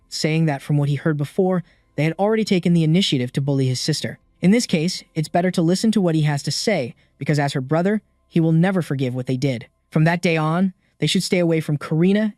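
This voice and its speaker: A man's voice: fairly high pitch, a little mellow, no room sound, studio quality. A man narrating a comic story recap in a scripted way, adding chatty asides to the listener.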